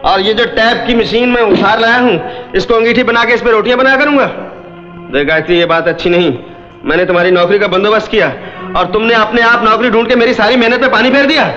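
In a muffled, echoey 1970s film soundtrack with soft music behind, an actor with a high, bright, forceful voice speaks quickly. He plays the lead, a young man who is a sulky, sarcastic older brother running a small eatery, scolding with a hurt edge.

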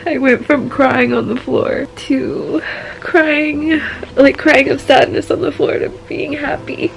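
A woman's voice: sits high, fairly even intonation, takes it slowly, vocal fry, slight background noise, poor audio. A young woman vlogging from her bedroom, emotional and tender, cooing at her dog. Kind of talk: casual vlog talk.

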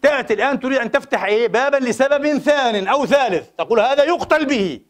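A man giving a Friday sermon lecture, animated and full of rhetorical questions to the congregation. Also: extremely high pitch, fast talker. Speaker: preacher.

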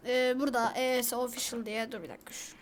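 A woman with a high, light voice chatting casually over her own mobile gameplay as a YouTuber. She is excitable and, when things go wrong, spirals into frantic repeated complaints, with a faint hiss behind her. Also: fast. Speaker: gaming YouTuber.

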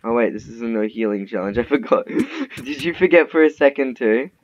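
A man's voice: mid-range voice, expressive, a little fast. A man chatting casually while playing a game, swearing and teasing his opponent. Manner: swearing, trash-talking, teasing. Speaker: gamer recording a Minecraft video. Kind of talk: casual gaming chat. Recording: dull muffled mic with faint noise.

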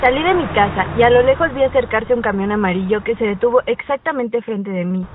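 In a radio drama, a woman plays a teenage schoolgirl narrating her own story in the first person, with both narration and dialogue. Her voice is on the high side and brisk, lightly acted, with a calm, storytelling mood, and the sound is phone-quality with a little hiss or hum.

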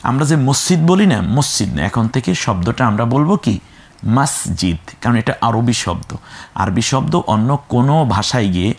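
A man's voice: mid-range voice, animated, a little fast. Patient male Quran teacher. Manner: patient, drills letters and syllables aloud; grows emphatic when warning about mispronunciation. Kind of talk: children's Quran reading lesson.

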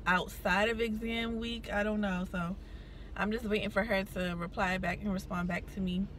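A woman's voice: mid-range voice, steady tone, moderate pace. A young woman chatting casually in a vlog, rambling with lots of fillers. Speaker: vlogger. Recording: loud background noise.

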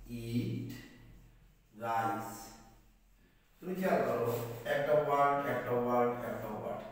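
A male English teacher with a Bengali accent, giving a classroom lesson for young pupils and repeating key points with slow, drawn-out model words. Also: medium pitch. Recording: echoey room, voice far from mic.

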